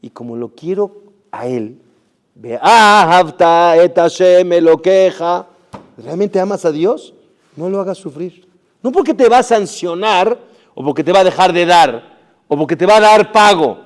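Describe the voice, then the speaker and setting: A middle-aged rabbi giving a Torah sermon, emphatic, with rhetorical questions and Hebrew terms mixed in. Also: male voice, sits high, animated, measured pace. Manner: emphatic, rising and dropping loudness, rhetorical questions to the audience; sprinkles Hebrew terms into Spanish.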